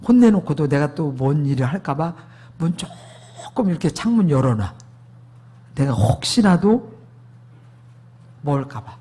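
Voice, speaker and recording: Husky-voiced man preaching with emphasis. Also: fairly high pitch, very animated, measured pace, pauses often, dark tone. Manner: emphatic, asks the congregation rhetorical questions. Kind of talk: sermon testimony.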